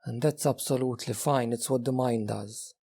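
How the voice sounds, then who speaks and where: A male meditation teacher speaks in a mid-range voice with a breathy edge and fairly even intonation. He guides listeners gently and slowly, pausing at length between phrases.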